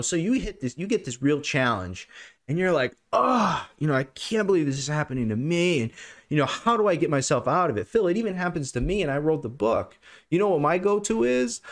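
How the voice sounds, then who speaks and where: A man guest, a personal trainer, talking earnestly and emotionally, with many halting restarts. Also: medium pitch. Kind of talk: interview guest, earnest talk.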